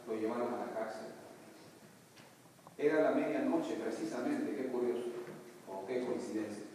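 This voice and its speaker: A man preaching a sermon as pastor, telling stories and building to loud, emphatic passages. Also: medium pitch, a little hiss or hum. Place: church. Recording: echoey church hall, mic far off.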